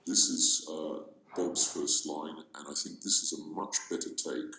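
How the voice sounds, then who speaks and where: A man reading a sample line as Bob, his voice pitch-shifted down five semitones into an unnaturally deep, gravelly tone. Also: little pitch movement, a little slow, sharp tone, a little hiss or hum, heavily acted. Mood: plain. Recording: roomy echo.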